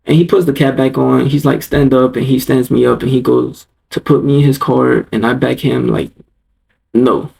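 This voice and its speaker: A man's voice: mid-range voice, steady tone, a little fast, vocal fry, hardly any pauses, darkish tone, low-quality recording. A man telling a personal story in a casual, laid-back storytime vlog, loose and swearing freely.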